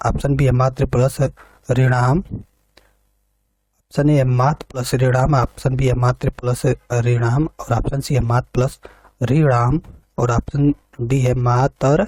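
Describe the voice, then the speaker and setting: A man's voice: medium pitch, dark tone, dry recording. A man teaching an exam preparation lesson, reading each question and its options, then explaining the answer step by step and repeating points back.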